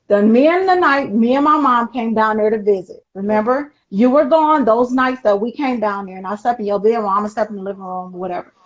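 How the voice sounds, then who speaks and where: Insistent high-voiced woman arguing. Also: moderate pace. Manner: insistent, repeats her questions. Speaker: cousin in a recorded dispute. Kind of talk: heated argument. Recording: dull lo-fi sound.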